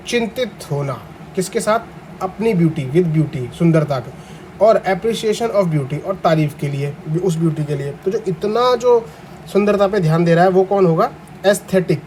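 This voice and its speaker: A young male teacher with a high, mellow voice, reading each definition slowly and then explaining it casually. He spells the tricky words letter by letter and asks the class questions. Faint noise sits under the recording. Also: poor audio. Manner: reads English definitions slowly, then explains them conversationally. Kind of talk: vocabulary lesson for exam aspirants.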